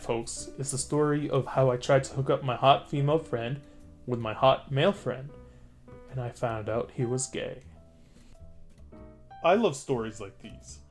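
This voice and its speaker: An easygoing man narrates an online story in a relaxed, chatty voice at a middle pitch. Faint music plays under his voice. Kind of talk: reading an online story aloud.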